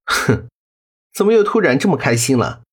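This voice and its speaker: Man voicing a teasing, probing young gentleman. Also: medium pitch, very animated, normal speed, slightly rough. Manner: teasing, questioning. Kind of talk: audiobook drama acting.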